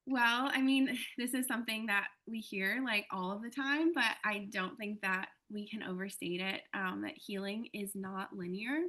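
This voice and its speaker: A woman speaking as an interview guest, reflective and earnest, pausing often as she thinks aloud. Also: mid-range voice, bright, forceful tone. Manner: earnest, thoughtful, many "um" and "like" pauses.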